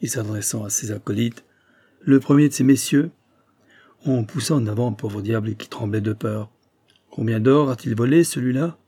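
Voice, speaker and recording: A man narrating a novel as an audiobook in a measured, dramatic reading. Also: lowish voice, steady tone, warm tone, slightly rough.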